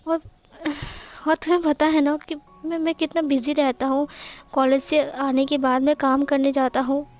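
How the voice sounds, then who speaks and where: A woman's voice: high voice, little pitch movement, moderate pace, a little mellow, lightly acted. A woman doing a possessive pleading young man. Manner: pleading, stammering.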